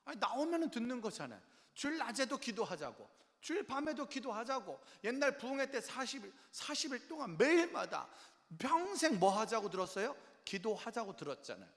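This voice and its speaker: A man preaching a revival sermon as pastor, swinging between loud exhortation and quiet low lines and firing questions at the congregation. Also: sing-song, a little fast. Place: large church worship hall. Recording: long church hall reverb.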